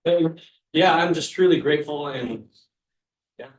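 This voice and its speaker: A man's voice: a little high, measured pace, a little hiss or hum. A man in his twenties giving a short, plain thank-you speech to his team. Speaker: senior athlete giving a speech. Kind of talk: brief farewell speech. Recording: roomy, from a distance.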